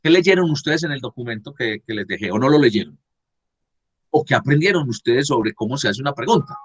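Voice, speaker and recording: Husky guy teaching over a video call, voice rises and falls a lot, keeps asking if students follow. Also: medium pitch, expressive, fairly quick. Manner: repeats and asks "¿sí?" to check understanding. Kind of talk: online class explanation.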